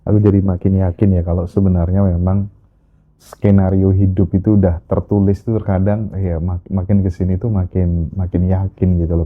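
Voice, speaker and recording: A man hosting a casual interview, asking reflective and gently probing questions. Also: deep voice, narrow, tinny audio. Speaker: podcast host.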